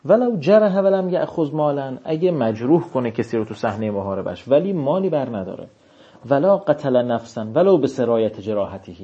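A man giving a seminary lecture on religious law. He reads classical text out slowly, then explains it in casual speech. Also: medium pitch, lively intonation, warm tone, slightly rough, highs cut off.

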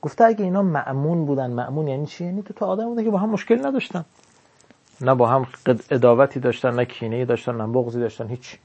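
Male jurisprudence teacher at mid pitch, reads a text line by line and unpacks each point, asks and answers his own questions. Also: lively intonation, darkish tone, slightly rough, highs cut off. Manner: reads Arabic text then explains it in colloquial Persian, asks himself questions. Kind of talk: classroom lecture reading and explaining a text.

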